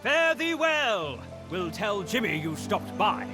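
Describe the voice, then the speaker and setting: An actor voicing a pompous, genteel owl in a video game, scolding theatrically in mock-archaic speech. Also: male voice, high voice, very animated, takes it slowly, music in the background, full character voice. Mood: fussy, chiding. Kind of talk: video game character acting.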